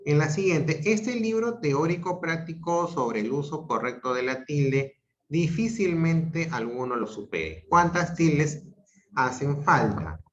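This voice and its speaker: Male teacher over a dull, echoey call line, unhurried, explains each step and checks understanding. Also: fairly high pitch, animated. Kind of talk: online grammar lesson. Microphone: video call. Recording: muffled roomy video-call audio.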